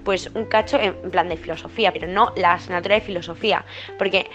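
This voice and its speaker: A woman's voice: on the low side, steady tone, fast talker, a bit bright, dull audio, faint music behind. A teenage girl, chatting casually as a student, indignant and full of colloquial slang. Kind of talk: casual chat.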